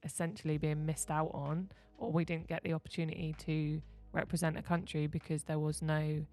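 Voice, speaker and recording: A woman, a basketball coach, telling stories in a relaxed podcast chat and laughing often. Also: low voice, brisk, faint music behind.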